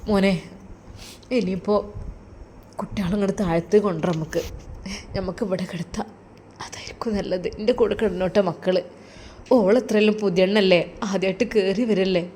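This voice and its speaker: A woman's voice: medium pitch, steady tone, brisk, pauses often, a little hiss or hum, lightly acted. A woman voicing a grieving old mother from Malappuram. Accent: Malappuram Malayalam. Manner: soft, tearful, pleading. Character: grieving older mother, tender and devout.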